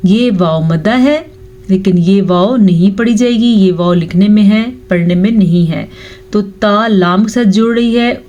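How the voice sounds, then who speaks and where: A woman's voice: mid-range voice, mellow, highs cut off. A woman teaching Quran recitation rules, explaining them patiently and repeating sounds to correct pronunciation. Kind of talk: tajweed lesson.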